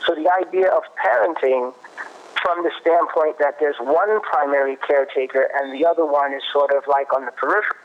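A man's voice: fairly high pitch, fairly quick. Thoughtful man with muffled sound. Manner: thoughtful, restarts often, cites research. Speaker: guest expert on parenting. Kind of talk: conversational explanation. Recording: muffled lo-fi audio.

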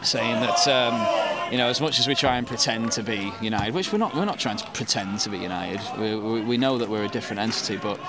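Mancunian man, low voice, noisy crowd. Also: brisk, hardly any pauses. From England. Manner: chatty, with frequent restarts and ums. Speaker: football fan interviewee. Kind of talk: casual interview. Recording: crowd noise behind.

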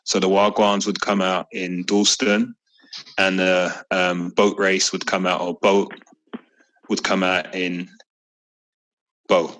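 Middle-aged man, low-pitched, laid-back raconteur for casual chat. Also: takes it slowly, long pauses, poor audio. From East London. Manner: relaxed storytelling, jokey asides.

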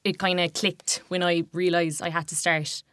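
A woman's voice: lowish voice, flat delivery, normal speed, fairly bright tone, dry recording. A young woman from Kerry with a west of Ireland accent, chatting informally as a podcast guest and peppering her speech with "like". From County Kerry, Ireland. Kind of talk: casual chat.

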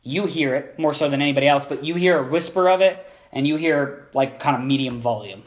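A man narrating as game master in a casual, halting way. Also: fairly high pitch, a little hiss or hum.

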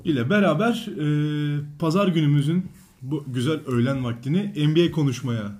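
A man's voice: a little high, a little mellow. A man hosting a podcast in a casual, joking chat with co-hosts. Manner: quick, playful, joking. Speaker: podcast host.

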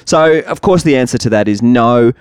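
A man's voice: mid-range voice, normal speed, smooth, no echo, clean studio sound. A man, co-hosting a podcast in casual, sarcastic chat with mocking impressions. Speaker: podcast co-host. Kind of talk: casual chat recapping a reality show.

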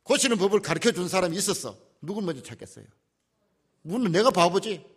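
A pastor with a Gyeongsang accent delivers a chatty sermon, often turning to the congregation with questions. His voice is fairly high and very animated in its rise and fall. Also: fast, breathy edge. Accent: Gyeongsang dialect. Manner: conversational, asks the audience questions.

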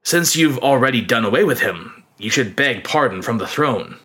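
A man's voice: medium pitch, animated, moderate pace, bright, forceful tone. A man reading as a guarded old-style court minister. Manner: formal, carefully noncommittal. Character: cautious male court minister, measured and formal.

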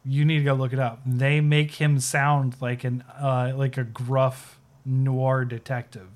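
A man's voice: mid-range voice, little pitch movement, measured pace. A man co-hosting a casual podcast, rambling with lots of fillers and restarts. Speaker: podcast co-host. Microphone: video call setup, sharing his screen.

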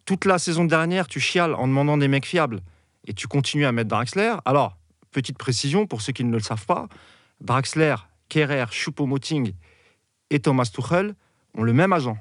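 A man on a panel, debating football in a casual, animated, slightly mocking way. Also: mid-range voice, normal speed, no echo, clean studio sound. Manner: animated, mocking, hands over the floor.

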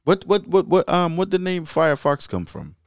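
A man interviews a guest casually, his questions halting and full of restarts. His voice is smooth and resonant, with a lively, animated pitch. The sound is close and dry, with faint music behind. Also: dry recording. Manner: halting, restarts and stacks fillers.

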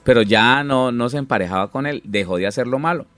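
A man's voice: medium pitch, a little fast, a bit bright, no room sound. Brief: male pastor, middle-aged, earnest teaching tone, dry close sound, faint music underneath. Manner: earnest, explanatory, with frequent restarts. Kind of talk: conversational Bible teaching.

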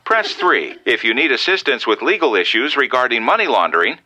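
A man voicing a mock automated phone menu, reading a recorded message in a polished, measured announcer delivery. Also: mid-range voice, very animated, exaggerated voice. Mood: deadpan polite. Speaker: voice actor in a parody clip. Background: loud upbeat music.

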